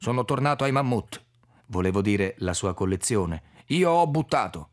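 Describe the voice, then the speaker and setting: A man voicing an excitable, tearful male paleontologist who speaks in clipped, broken phrases. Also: fairly low pitch, normal speed, lightly acted. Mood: agitated. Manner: clipped, ungrammatical foreign-sounding phrases.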